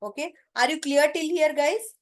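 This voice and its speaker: A woman's voice: high-pitched, normal speed. A woman with an Indian accent giving an informal lecture, explaining step by step and often checking that students follow.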